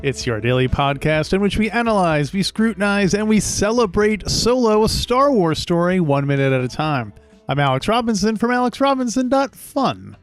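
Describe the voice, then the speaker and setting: A man's voice: high-pitched, very animated, moderate pace, faint music behind. A man hosting a casual movie podcast, talking playfully and now and then putting on mock-classy pronunciation. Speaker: podcast host.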